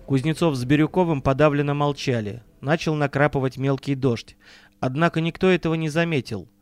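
A man's voice: fairly high pitch, brisk, a little mellow, smooth, no echo. Male horror audiobook narrator, dry close sound.

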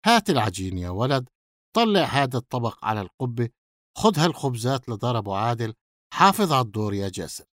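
A man voicing a gruff, burly middle-aged male baker in an audiobook, speaking with a Palestinian Arabic accent in a blunt, bossy, mocking way. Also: mid-range voice, sing-song, quick pace, a bit bright, no room sound. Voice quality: coarse, dry voice. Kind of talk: audiobook character dialogue.

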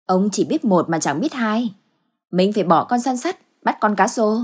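A woman's voice: medium pitch, expressive, normal speed, husky, pitched above the performer's own voice. A woman voicing a scheming, cruel older mother-in-law who puts on a sweet tone. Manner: sly, feigned sweetness.

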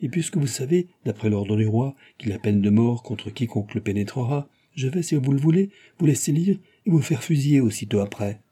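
A man voicing an excitable, swaggering musketeer captain in an audiobook, speaking loudly and animatedly. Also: medium pitch, slightly rough. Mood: excited. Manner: loud, quick, animated.

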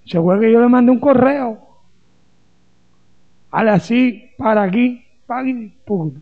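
A man's voice: extremely high pitch, measured pace, vocal fry, narrow, tinny audio. A man from Colombia, a pastor preaching a sermon with humor and rhetorical questions.

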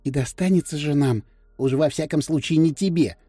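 A man's voice: a little high, moderate pace, warm tone, breathy edge, no echo, soft background music. A man voicing a cocky, inventive schoolboy who talks brusquely and bosses his friend around in an audiobook. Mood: bossy. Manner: brusque, eager, bossy. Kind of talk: audiobook character voice.

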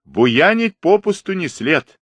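A man's voice: sits high, sing-song, takes it slowly, a bit bright, husky, dry recording, pitched above the performer's own voice, exaggerated voice. A man voicing a stern young Cossack who admonishes firmly. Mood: sharp. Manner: firm, admonishing.

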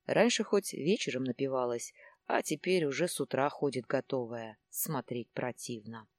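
Female narrator voicing a fretful middle-aged husband, low and husky. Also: normal speed, no echo. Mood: scornful. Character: middle-aged man, worried husband, complaining.

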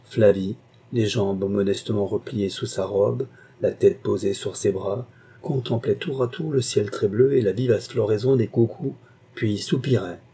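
A man narrates a literary story in a measured, expressive way. His voice is mellow and dark, with a husky edge. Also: lowish voice. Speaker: audiobook narrator.

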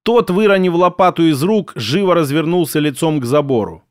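Brief: male audiobook narrator, steady storytelling, somewhat high voice, dry booth sound. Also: a little fast, no echo. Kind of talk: first-person audiobook narration.

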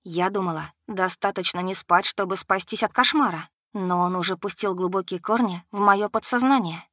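A woman's voice: medium pitch, moderate pace, bright, forceful tone, no room sound, clean studio sound. A woman reading a first-person audiobook in a dramatic, tense storytelling manner. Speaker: audiobook reader.

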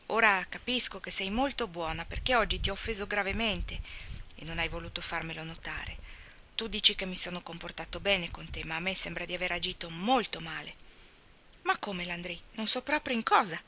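A woman's voice: fairly low pitch, brisk, sharp tone, a little hiss or hum. A woman reading the part of an impetuous young country boy, pleading and insistent. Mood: earnest.

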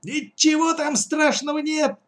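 A man's voice: high-pitched, big pitch swings, measured pace, a bit bright, voice pushed up, heavily acted. A man voicing a greedy, fierce old woman who leads a band of pirates, in a bossy, mocking way. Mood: commanding.

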